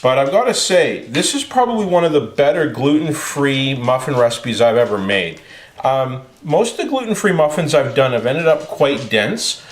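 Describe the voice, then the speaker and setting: A man leading a home cooking demonstration, calmly explaining each step to a child in a kitchen. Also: mid-range voice, moderate pace. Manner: calm, explaining steps to a child. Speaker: home cook. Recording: roomy kitchen echo.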